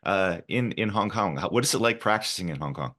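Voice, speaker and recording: Deep-voiced upbeat Canadian podcast host. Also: male voice, lively intonation, fairly quick, bright, forceful tone. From Alberta, Canada. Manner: upbeat, rambling, with repeated words. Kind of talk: casual interview chat.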